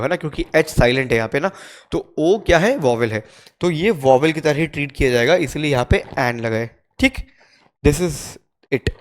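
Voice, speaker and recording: A man with an Indian accent, teaching an English grammar lesson in a chatty way, slowly repeating each rule and often checking in with his viewers. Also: fairly high pitch. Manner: chatty, repeats "theek hai" often, drills rules slowly. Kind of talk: casual spoken grammar lesson.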